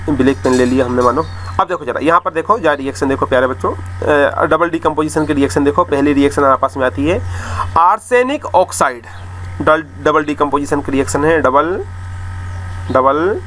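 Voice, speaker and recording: A man teaching chemistry online in speech, repeating key terms and addressing students directly. His voice sits high and bright. A faint hiss runs under the recording. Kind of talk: online class lecture.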